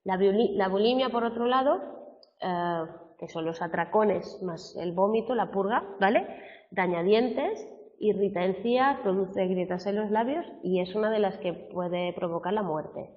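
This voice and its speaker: A woman's voice: medium pitch, measured pace. Woman lecturing a class, heard from afar. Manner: chatty, peppers sentences with "¿vale?" tags. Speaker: teacher. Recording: roomy classroom, far from a dull mic.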